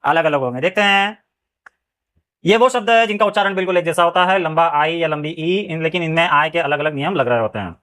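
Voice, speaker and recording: A man's voice: a little high, fairly quick, sharp tone. A man teaching English phonics, asking his students a question after nearly every word and then answering it himself. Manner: asks the class questions and answers them himself; often adds a check-in phrase after a point. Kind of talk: classroom-style phonics lesson.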